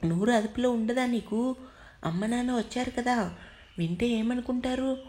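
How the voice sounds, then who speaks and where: A short-tempered young man who bosses and scolds in clipped phrases, read by a woman narrator. Her voice stays a little high and close to her own. It sounds like a spoken storybook. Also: moderate pace, darkish tone, lightly acted. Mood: irritated.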